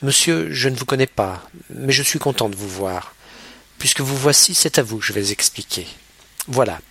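A distraught young man near tears, his voice strained and shaken, pitched a touch higher and pressing forward, as a narrator puts him on. The tone stays bright but husky. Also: expressive, moderate pace, no room sound, exaggerated voice.

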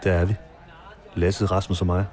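A man narrating his own documentary in the first person, calm and measured. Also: low-pitched, some chatter behind. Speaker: filmmaker narrator. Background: marimba music.

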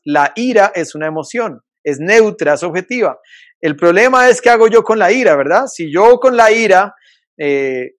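A pastor preaching a conversational sermon over a video call, often asking rhetorical questions. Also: male voice, sits high. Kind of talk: online sermon.

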